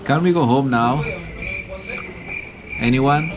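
A man in his thirties vlogging on an open-air restaurant terrace, talking into an action camera held at arm's length with wry, deadpan asides. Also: medium pitch, slow, noisy background. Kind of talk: casual vlog narration.

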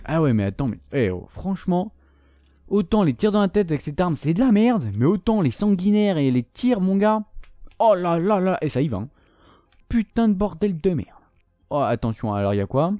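A man commentating his own shooter gameplay, excitable and swearing often, shouting at opponents. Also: high voice, moderate pace, no echo, studio quality. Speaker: gaming YouTuber.

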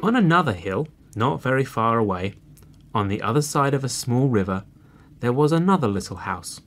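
A man reading a children's fairy tale aloud, slow and expressive. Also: medium pitch, soft background music. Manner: slow and expressive, clearly read for learners. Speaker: storyteller. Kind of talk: storybook reading.

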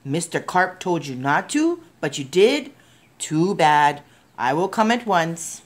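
A brisk, no-nonsense policeman read by a woman in a children's storybook. He speaks emphatically and with astonishment, in an animated, varied delivery. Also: fairly low pitch. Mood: astonished. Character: brisk, astonished policeman, a grown man in charge.

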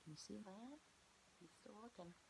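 Gentle gravelly-voiced woman reading aloud. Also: mid-range voice, lively intonation, normal speed, poor audio. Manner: gentle, asks the children questions about the pictures. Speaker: preschool teacher. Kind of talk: reading a picture book aloud to children.

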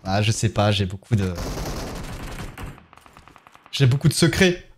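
A man's voice: on the low side, sing-song, measured pace, background noise. A man with a French accent, chatting casually on a live game stream and thanking viewers one by one as he plays.

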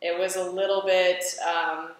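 A woman's voice: on the low side, little pitch movement, unhurried. A woman, a scuba diving instructor, chatting animatedly as she reacts to and explains dive footage. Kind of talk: casual reaction commentary. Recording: very echoey room, faint ambience.

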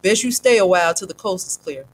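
A woman voicing an old homeless man who speaks in a slow, folksy, wry way. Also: on the low side, lively intonation, a little hiss or hum, close to an everyday voice, low-quality recording.

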